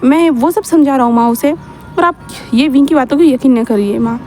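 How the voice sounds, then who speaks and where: A woman's voice: high voice, normal speed, darkish tone, faint music behind, natural voice. A woman voicing a stern, bossy older brother who scolds and gives orders. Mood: scolding. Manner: scolding, commanding.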